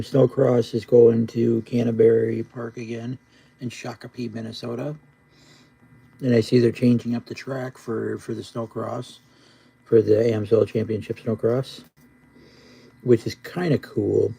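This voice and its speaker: Gravelly, monotone stoner guy, dark and husky. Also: mid-range voice, rough recording. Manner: laid-back stoner drawl; repetitive, rambling. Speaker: live streamer. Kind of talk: casual rambling livestream chat.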